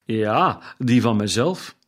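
A giant, good-hearted Christmas spirit, played by a male reader, speaking slowly and emphatically and leaning on each key word. His voice sits a little above the narrator's plain tone, in a storybook reading of a classic tale. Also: mid-range voice, lively intonation. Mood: solemn, emphatic. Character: giant jovial male Christmas spirit, kindly but stern. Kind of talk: audiobook character reading.

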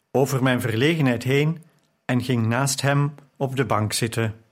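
A man narrating an audiobook chapter in a steady, measured way. His voice sits at a mid pitch for a man. The telling stays calm and evenly paced. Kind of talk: scripted narration.

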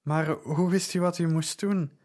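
A man voicing a large Roman citizen, confused and groggy, speaking in a halting mumble. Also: on the high side, steady tone, a little mellow, close to an everyday voice. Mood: puzzled. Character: large Roman citizen, dazed after a seizure.

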